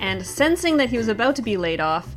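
Woman host, deadpan and brisk, light music bed underneath. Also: a little high. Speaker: comedy show host. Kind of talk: scripted comedy news segment.

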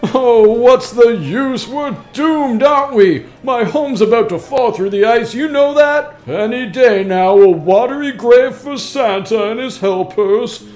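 Actor doing a doomed, mopey Santa, very high and slow-spoken, over faint music. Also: male voice, a little mellow. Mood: gloomy. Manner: mopey, darkly joking. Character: gloomy, doomed Santa Claus.

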